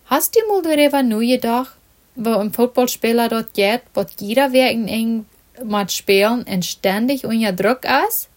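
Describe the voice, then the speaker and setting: Woman reading caring young woman, anxious, pleading, storybook, high pitch. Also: moderate pace, natural voice.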